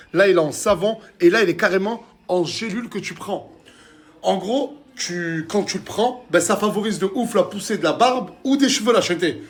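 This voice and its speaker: A man, chatting excitedly and familiarly in street slang as he films a casual vlog and pitches products. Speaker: vlogger and product promoter.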